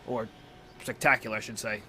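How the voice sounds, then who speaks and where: A man's voice: lowish voice, level tone, a little fast, bright, forceful tone, slight background noise. Man joking through a watch-along. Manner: playful, joking asides. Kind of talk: casual reaction commentary.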